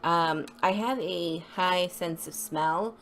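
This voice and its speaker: A woman's voice: fairly low pitch, takes it slowly, a bit bright, slight background noise. A woman with a slight lisp giving a casual, rambling voice-over for an art video, with informal apologetic asides.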